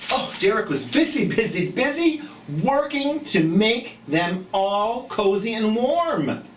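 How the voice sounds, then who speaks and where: A storyteller of unclear gender with a medium-pitched voice hosts a children's storytime, reading aloud in a theatrical, expressive way and chatting gently to young viewers. They speak encouragingly and directly to the kids with drawn-out emphasis, recorded with a distant mic, roomy echo and light noise.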